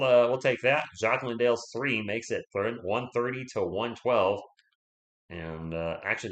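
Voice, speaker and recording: A man with a medium-pitched voice hosts a live stream of fan play-by-play, backing the Spurs while his voice goes hoarse and gives out. He chats with viewers and reads their comments aloud between calls, in a room with a noticeable echo.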